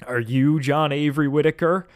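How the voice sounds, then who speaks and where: A man's voice: fairly high pitch, steady tone, normal speed, clean tone, natural voice. A man voicing a curt, cold villainous caller in a fan story. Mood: menacing. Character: menacing mystery caller, man, snarling villain.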